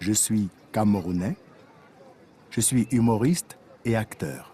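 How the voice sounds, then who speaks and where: A man voicing an easygoing comedian and actor in a slow, clear textbook dialogue. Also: lowish voice, lively intonation, warm tone, exaggerated voice. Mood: calm. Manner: slow, deliberate textbook delivery. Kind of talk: scripted textbook audio dialogue.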